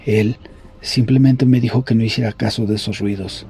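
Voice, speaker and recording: Gravelly low-voiced man narrating horror. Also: steady tone, moderate pace, dark tone, soft background music. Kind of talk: scripted horror story narration.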